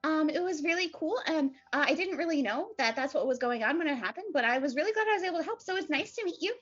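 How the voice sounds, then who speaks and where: A woman's voice: high-pitched, animated, fast, fairly bright tone, muffled recording. A woman voicing a tiny, sweet, childlike spider girl in a tabletop game, with chirpy, innocent, pixie-like prattle. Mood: eager, prattling.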